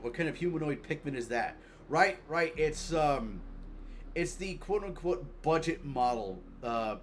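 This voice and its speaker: A man streaming a game with casual commentary, jokey and offhand, muttering asides. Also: medium pitch.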